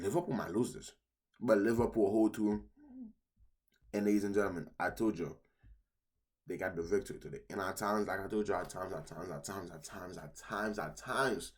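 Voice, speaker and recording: Husky, short-winded man recapping football. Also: fairly low pitch. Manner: excitable, repeats phrases, keeps addressing the audience. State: sick and out of breath. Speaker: football vlogger.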